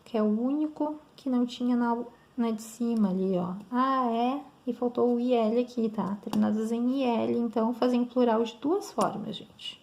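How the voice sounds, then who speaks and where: A woman's voice: fairly high pitch, moderate pace, creaky, few pauses, darkish tone. A woman with a Brazilian Portuguese accent teaching grammar in an online lesson, explaining step by step and checking in often with her students.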